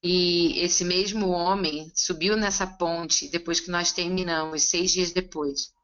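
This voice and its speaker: A woman interpreting a seminar consecutively, relaying each line in a steady, conversational way. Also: fairly low pitch, slow, lo-fi sound.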